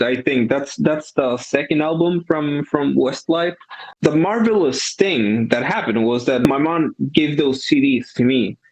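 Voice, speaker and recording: A man's voice: mid-range voice, poor audio. A man from Peru, a musician guest telling his story in a thoughtful, rambling way. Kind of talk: casual interview chat.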